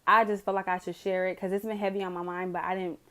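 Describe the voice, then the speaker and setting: A woman's voice: lowish voice, level tone, fast talker, fairly bright tone. A woman casually retelling a dream to camera, rambling with many "like"s and restarts. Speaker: video testimony speaker.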